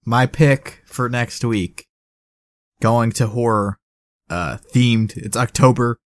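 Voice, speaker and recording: Brief: young male podcast co-host, mid-pitched, casual and animated, dry close mic. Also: slow, gravelly, dry recording. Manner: animated, acts out movie quotes. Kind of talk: casual chat.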